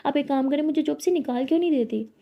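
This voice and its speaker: A woman voicing a young female secretary who is earnest, apologizes fast and sulks when hurt. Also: high-pitched, gravelly, highs cut off, voice pushed up. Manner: quick to apologize and sulk.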